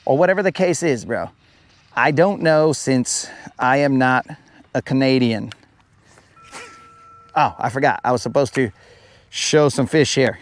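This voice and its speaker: A man hosts a live fishing stream outdoors on a lake, chatting casually, reading viewer comments aloud and often saying "bro." His voice is medium-pitched, and he speaks unhurriedly with frequent pauses.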